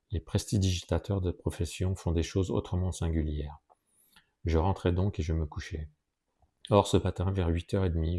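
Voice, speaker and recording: A male audiobook narrator who reads a classic tale in a measured, even way. His voice is low and deeply dark. A husky grain runs through it. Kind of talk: scripted narration of a classic story.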